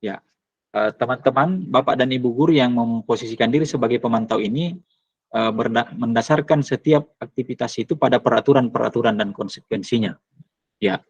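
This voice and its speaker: A man presenting to teachers, speaking hesitantly with many pauses and fillers. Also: medium pitch, breathy edge, no room sound. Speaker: teacher trainer. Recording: dull lo-fi recording.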